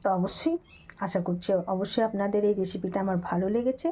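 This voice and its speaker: A woman's voice: medium pitch, quick pace, dark tone, rough recording. A woman hosting a home cooking video, chatting directly to her viewers from her kitchen. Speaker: cooking channel host. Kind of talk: casual cooking video talk.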